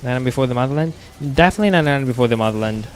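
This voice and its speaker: Male streamer, mid pitch, halting chat replies, faint noise behind. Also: expressive. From Russia. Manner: reads chat aloud, halting with repeated restarts. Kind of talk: live game stream chat.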